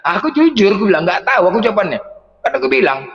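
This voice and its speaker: A man preacher, telling a story in a casual, animated way, often chuckling. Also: sits high, fast talker, gravelly, muffled recording.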